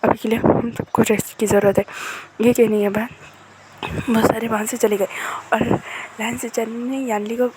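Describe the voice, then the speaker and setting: Chatty woman retelling a story, higher voice. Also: little pitch movement. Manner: quick, chatty retelling with brief shifts into characters' lines. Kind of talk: retelling a drama plot in casual narration. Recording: faint background noise.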